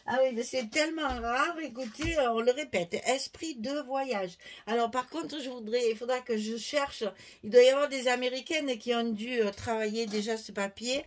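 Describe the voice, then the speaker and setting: A woman talks through a scrapbooking tutorial at her craft table. Her voice sits a little high, and her delivery is chatty and lively, with easy laughs between steps.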